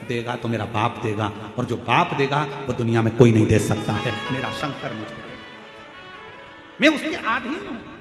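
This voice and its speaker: A man giving a devotional discourse as a spiritual preacher, impassioned, swinging between loud declarations and hushed lines. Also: mid-range voice, moderate pace, few pauses. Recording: echoey hall with devotional music.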